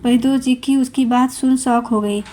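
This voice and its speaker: Mellow woman reading a story aloud. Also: high-pitched, moderate pace. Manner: plain, steady read-aloud narration with small stumbles. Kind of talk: reading a romance novel aloud.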